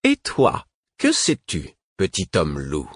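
A man voicing a huge, impatient female dragon in an audiobook, making slow, deliberate threats. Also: sits low, wildly swooping pitch, slightly rough, no room sound, studio quality, full character voice. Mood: taunting. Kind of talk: audiobook character voice.

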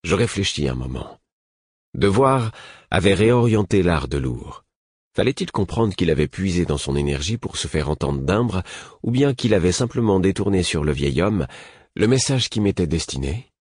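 A man reading a novel aloud as a measured narrator in the first person, on a close studio mic. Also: low-pitched, expressive, darkish tone, breathy edge, dry recording. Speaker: audiobook narrator. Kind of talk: scripted narration.

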